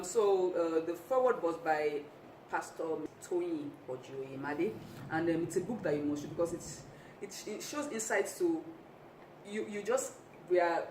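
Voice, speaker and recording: A woman's voice: fairly low pitch, darkish tone. A woman hosting an event, introducing an author in a loose, chatty way with lots of fillers. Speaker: event host. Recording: echoey room, distant mic, noisy.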